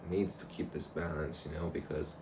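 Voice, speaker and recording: A man's voice: very deep voice, flat delivery, moderate pace. A young man rambling casually and reflectively to a camera, in a loose conversational monologue. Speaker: vlogger. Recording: clear background noise.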